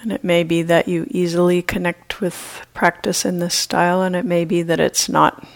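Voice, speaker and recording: A woman guides listeners through meditation as their teacher, unhurried and gentle, leaving long pauses. Her lowish voice carries vocal fry, and her delivery is flat.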